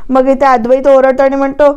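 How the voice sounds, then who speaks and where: High, smooth-voiced woman retelling a show. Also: completely flat delivery, a little mellow, dull audio. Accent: Marathi. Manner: switches between narration and quoted lines, often slow and deliberate. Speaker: serial reviewer. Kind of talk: retelling a TV episode, reading out the dialogue.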